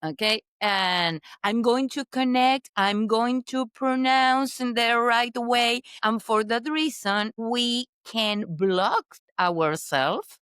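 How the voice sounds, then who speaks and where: Her voice is fairly high, a little bright and smooth, recorded at studio quality without any room sound. A business consultant from Chile and native Spanish speaker, she talks slowly as a guest in a casual interview, her English careful and halting, with pauses and restarts.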